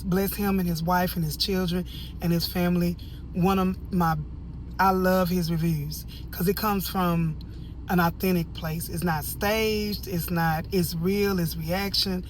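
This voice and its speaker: An American woman giving casual, opinionated video commentary in an animated, emphatic way, drifting into rambling asides. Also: lowish voice, a little hiss or hum. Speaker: online reviewer and host.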